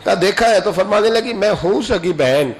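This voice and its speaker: High-voiced man preaching a dramatic sermon. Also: lively intonation, normal speed. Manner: dramatic, acts out quoted dialogue with sudden high rises. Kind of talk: sermon storytelling.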